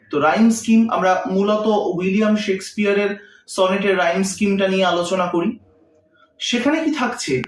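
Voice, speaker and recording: A man teaching a literature lesson, explaining in short, measured phrases and mixing in English terms. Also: high voice. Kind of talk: literature lecture. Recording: roomy echo, mic set far off.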